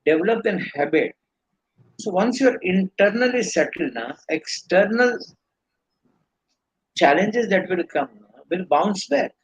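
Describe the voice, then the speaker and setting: A man's voice: sits high, expressive, a little slow, pauses often, breathy edge, highs cut off. A man with an Indian accent giving earnest, rambling spiritual teaching in a live question-and-answer session. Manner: earnest, rambling explanations with restarts.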